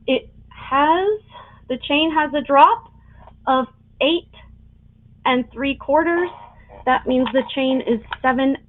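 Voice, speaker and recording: A woman's voice: sits high, slow. A woman working as an auctioneer on a live online sale, presenting items and calling bids. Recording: tinny phone-like sound.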